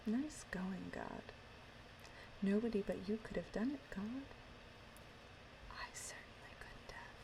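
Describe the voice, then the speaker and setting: A woman whispering softly and breathily in a gentle, deliberate ASMR style, close to the microphone. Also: medium pitch, vocal fry, rough recording. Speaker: ASMR performer. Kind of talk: whispered ASMR, reciting and chatting. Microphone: close microphone, ear to ear.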